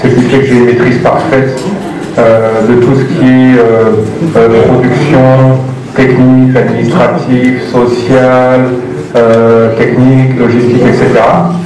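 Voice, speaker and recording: A man from Cameroon who grew up in France, a music producer answering press questions in a measured way with many filler pauses. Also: mid-range voice, level tone. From Cameroon, raised in France. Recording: echoey hall, far mic, music behind.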